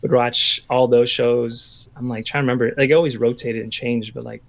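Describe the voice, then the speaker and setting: Gravelly-voiced man musing in conversation. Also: mid-range voice, flat delivery, fairly quick, crowd noise. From Washington state, US. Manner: chatty, reflective, full of restarts and fillers. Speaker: podcast guest, pastor. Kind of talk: casual podcast conversation.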